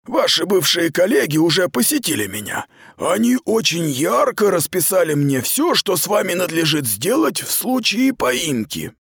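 A man's voice: high voice, very animated, normal speed, creaky, a bit bright, husky, no echo, voice pushed up, heavily acted. A man reading the part of a stern, dry middle-aged commander who talks down to a young woman in a storybook reading. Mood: cold. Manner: cold, clipped, patronizing.

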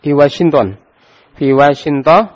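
Slow-talking Indonesian male teacher, lo-fi. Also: a little high. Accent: Indonesian, Javanese. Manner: quizzing students, prompting answers, chuckling. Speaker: Islamic teacher. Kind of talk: classroom Arabic grammar lesson.

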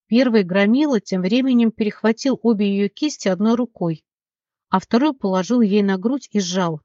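The narrator of this fantasy audiobook has a mid-pitched voice and reads steadily and dramatically at moderate speed. Recorded close with no echo, the audio is dry and a little muffled at the top end.

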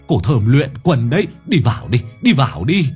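A man's voice: medium pitch, big pitch swings, moderate pace, darkish tone, faint music behind, voice pushed up, natural voice. A man voicing a frightened old village woman neighbor who keeps repeating herself in a storybook tale. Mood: panicked.

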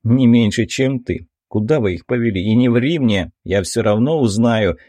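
A man's voice: mid-range voice, moderate pace, warm tone, no echo, lightly acted. A man voicing a commanding, menacing supreme mage in an audiobook, cold and threatening. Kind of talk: audiobook character voice.

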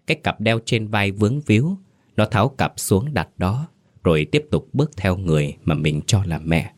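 A man narrating a scripted horror story in a steady, measured way. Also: low-pitched.

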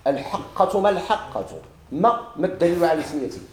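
Fast-talking Moroccan teacher in echoey room. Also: male voice, a little high, very animated. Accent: Moroccan Arabic. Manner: asks the class questions and answers them himself. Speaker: grammar teacher. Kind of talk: classroom lesson.

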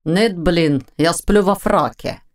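A woman voicing a drowsy, grumbling young man in an audiobook. He speaks slowly and sleepily, with a gruff edge. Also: low-pitched, a little mellow. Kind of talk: audiobook character voice.

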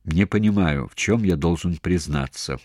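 Stubborn wounded commander, hoarse and faint, read by a man in an audiobook. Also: moderate pace, dry recording, clean studio sound. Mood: weak. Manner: quiet, low, barely moving lips. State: hoarse and weak. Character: beaten male battalion commander prisoner, stubborn.

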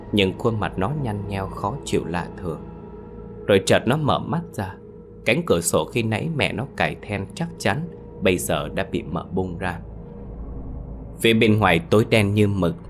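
A male storyteller narrating a horror tale. His voice sits very low, and he keeps his delivery steady and measured. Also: a little hiss or hum.

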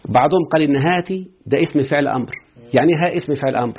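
A man teaching a grammar class in an Egyptian accent. He explains each point step by step and keeps asking his students whether they follow. His voice is husky and thin, heard through a tinny, phone-like recording. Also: fairly high pitch, very fast. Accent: Egyptian Arabic.

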